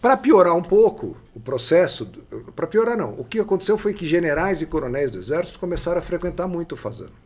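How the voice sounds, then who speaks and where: A man in his sixties with a Brazilian accent from São Paulo tells stories conversationally as a podcast guest, repeating key phrases for emphasis. His voice is slightly high and animated with a darkish tone, and he talks fast with few pauses.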